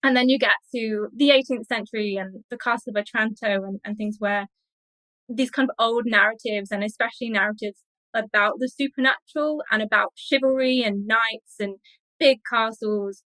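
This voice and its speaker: A literature researcher appears as a guest in an academic interview, explaining things in a chatty, colloquial way with loose lists. Her voice sits on the high side, with a bright, forceful tone at a moderate pace. The recording is dry and rough.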